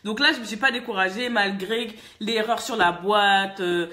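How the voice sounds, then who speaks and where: Bright, chatty French woman vlogger. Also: mid-range voice, moderate pace. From France. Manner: lively, chatty, laughs often, many fillers. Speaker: vlogger and hair-care business owner. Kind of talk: casual chatty story time.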